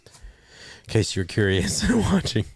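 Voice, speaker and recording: A man co-hosts a casual podcast, joking around and thinking out loud. He speaks slowly, and his pitch swings widely as he talks. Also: big pitch swings, gravelly, husky, no echo. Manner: jokey, thinks aloud. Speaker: podcast co-host. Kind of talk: casual chat.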